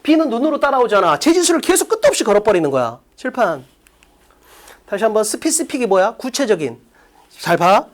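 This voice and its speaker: In an academy classroom, a woman leads an exam-prep English lecture on reading questions, her fairly high voice moving quickly with big swings in pitch. She fires off rhetorical questions and insults her students bluntly, with profanity.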